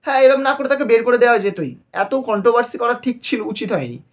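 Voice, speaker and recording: A man's voice: very high-pitched, expressive, fast. Indignant male commentator with rhetorical questions. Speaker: channel host. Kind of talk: news commentary video.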